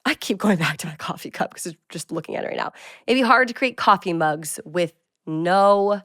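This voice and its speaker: A woman in her twenties hosting a casual advice podcast, chatty and bubbly, with quick bursts of excitement. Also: lowish voice, no room sound, clean studio sound. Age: 20s. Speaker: podcast host.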